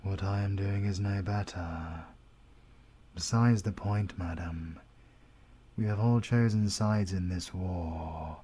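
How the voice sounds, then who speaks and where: Musing with cynicism, a British actor plays a coldly polite, threatening interrogator in an audio roleplay. His low, warm, husky voice is exaggerated, formal and measured, occasionally dropping to a whisper.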